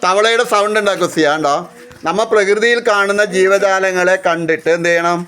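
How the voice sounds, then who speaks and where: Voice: mid-range voice, fairly even intonation, fairly quick, a bit bright, slight background noise. A teacher on a school outing, quizzing a group of children and repeating questions to prompt answers. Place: outdoors at a house with children around. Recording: chatter of children behind.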